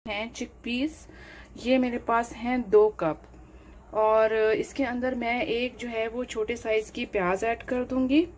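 A woman's voice: on the high side, flat delivery, darkish tone, a little hiss or hum, rough recording. Woman, cooking tutorial. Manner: unhurried, explains each step with many fillers. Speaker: cooking channel host. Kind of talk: home cooking demonstration voice-over.

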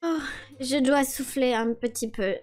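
Naive, enthusiastic foreign office newcomer, voiced by a woman; high and chatty. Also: steady tone, measured pace, a little mellow, soft background music. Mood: eager. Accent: foreign accent, put on. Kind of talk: amateur game role-play voice acting.

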